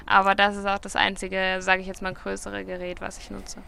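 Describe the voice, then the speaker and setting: A woman's voice: medium pitch, completely flat delivery, a little fast, vocal fry, sharp tone, slight background noise. A woman in her twenties, a market gardener, answering interview questions outdoors in a chatty, self-correcting way. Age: 20s. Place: outdoors at a vegetable field.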